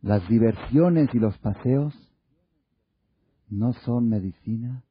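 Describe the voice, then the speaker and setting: Male religious lecturer, husky, rhetorical questions, muffled dry lo-fi sound. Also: mid-range voice, slow pace, no room sound. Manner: asks many rhetorical questions; acts out little dialogues. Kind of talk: Torah lecture to an audience. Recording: dull lo-fi recording.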